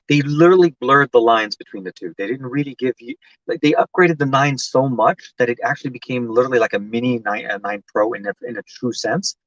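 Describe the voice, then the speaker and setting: A man's voice: mid-range voice, fairly bright tone, dry recording, muffled recording. Chatty man hosting a tech live stream. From Lebanon. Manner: rambling and chatty, many fillers and restarts. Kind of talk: casual live-stream chat answering comments. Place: inside a parked car.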